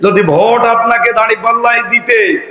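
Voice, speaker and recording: A man from Bangladesh preaching an outdoor Islamic sermon, shouting as he explains Quranic verses over a loudspeaker microphone. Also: extremely high pitch, moderate pace, lo-fi sound. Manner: fiery, shouting Quranic exposition. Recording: echoey, reverberant PA sound.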